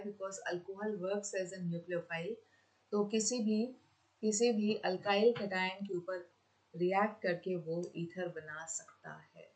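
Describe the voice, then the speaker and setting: A woman's voice: mid-range voice, a little mellow, rough recording. A woman teaching a chemistry class, with an Indian accent in her English. She mixes Hindi and English, repeats each question and answers it herself, and talks to her students fondly as children. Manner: switches between Hindi and English. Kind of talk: classroom lecture.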